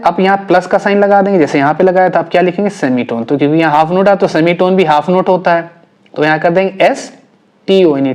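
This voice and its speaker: A male music teacher walks through chord theory at an easy pace, repeating each step and asking if it is clear. His voice sits a little high for a man. He sounds like he is writing as he talks. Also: darkish tone. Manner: patient, repeats points and checks understanding often.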